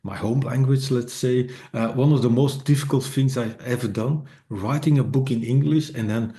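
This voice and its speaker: Mellow and steady, his mid-range voice moves at a moderate pace. He's a middle-aged native Dutch speaker, an author and speaker, talking informally in English to an online meetup, stumbling through fillers and false starts while poking wry fun at himself.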